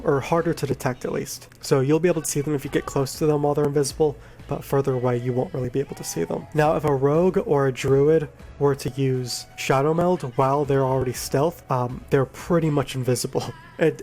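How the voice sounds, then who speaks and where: Groggy man talking through a game guide. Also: on the high side. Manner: relaxed, rambling, self-correcting explanations. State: groggy from being sick. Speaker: gaming video creator. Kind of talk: casual game guide talk.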